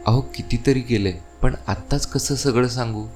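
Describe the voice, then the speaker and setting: A man's voice: mid-range voice, normal speed, a little mellow, faint music behind, pitched above the performer's own voice, lightly acted. A man reading the part of a flustered middle-aged householder eager to please the inspector.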